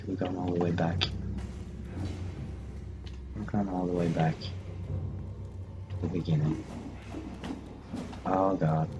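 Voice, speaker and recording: Slow-talking, jittery gaming host. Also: male voice, sits low, dull audio. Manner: jumpy, repeats phrases to himself; talks to the game characters. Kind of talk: let's-play game commentary. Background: game music.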